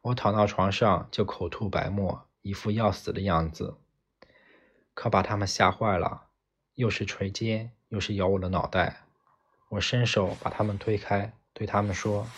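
Man reading an audiobook in first person, low husky voice, steady and plain. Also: normal speed. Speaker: audiobook narrator.

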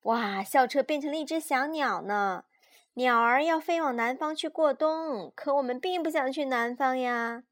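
A young mother reading a picture book aloud to her child at bedtime, patient and animated. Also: high voice, moderate pace. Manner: gentle, patient, animated storyteller.

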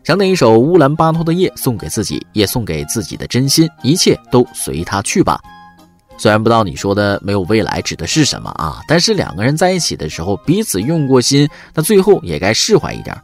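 Male podcast host with comedic news commentary, pitch swinging wildly, wry and teasing, faint music behind. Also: wildly swooping pitch, a little fast.

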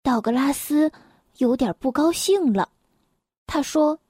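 A woman reading a children's picture book aloud, gentle, clear and expressive. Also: sits high, unhurried, no echo, studio quality. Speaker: storyteller.

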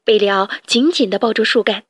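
A woman storyteller reading a children's story aloud with gentle, expressive narration. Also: mid-range voice, a little fast, husky, no echo, clean studio sound.

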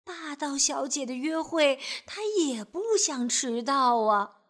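A woman storyteller reading a picture book aloud to children, gentle and expressive. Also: high voice, takes it slowly.

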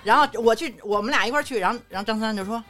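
A woman's voice: on the high side, fairly bright tone, faint music behind. A woman co-host in a casual chat, giggling and chiming in often. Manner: giggly, chatty, quick back-channel replies. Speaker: podcast co-host.

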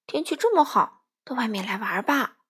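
A woman's voice: on the high side, sing-song, normal speed, a bit bright, husky, exaggerated voice. A woman voicing a cheerful, curious young pig in a children's storybook, asking friendly and careful questions.

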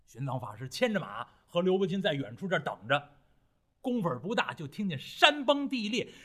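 A man telling a traditional Chinese story in a dramatic, rhythmic, expressive way. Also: high-pitched, fairly quick.

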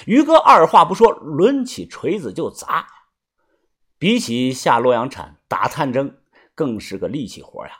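A man's voice: mid-range voice, big pitch swings, a little slow, fairly bright tone, husky. A male storyteller reading a serialized tale in a chatty, informal way. His voice rises and falls a great deal. He often draws out the small particles at the ends of his phrases. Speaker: audiobook narrator. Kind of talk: storytelling narration.

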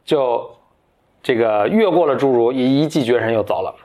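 A man's voice: medium pitch, lively intonation, normal speed, a little mellow. A man casually retelling a fairy tale in a chatty, playful way, with asides. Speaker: storyteller host.

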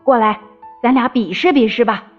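A woman's voice: fairly high pitch, normal speed, natural voice. A woman voicing a huge, fierce old bearded demon who roars threats, in a storybook reading. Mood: challenging. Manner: roaring, threatening. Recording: slightly dull with faint music.

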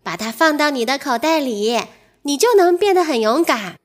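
A woman doing a gentle, wise giraffe. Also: sits high, sing-song, a little slow, voice pushed up. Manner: gentle, earnest, soothing. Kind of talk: children's storybook reading.

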